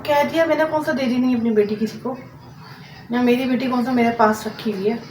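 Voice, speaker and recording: A woman's voice: fairly high pitch, fairly even intonation, fairly quick, a little mellow. Chatty woman vlogging, far from the mic. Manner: chatty and rambling, mixing in English words. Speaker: home vlogger. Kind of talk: rambling casual vlog chat. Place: home, cooking in the kitchen. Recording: roomy, distant mic with noisy background.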